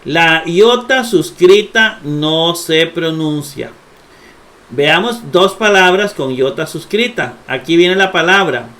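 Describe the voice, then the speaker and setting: A middle-aged man gives a recorded grammar lesson at an unhurried pace. His voice sits a little high and sounds bright and forceful. He talks the viewer through each letter patiently, repeating points so they stick. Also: animated. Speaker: Greek grammar teacher.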